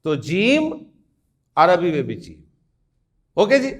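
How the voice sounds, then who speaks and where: A man from Pakistan, teaching a class the Arabic alphabet. He says the letters aloud slowly, one by one, asks the class questions and mixes English words into his Urdu. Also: high-pitched, wildly swooping pitch.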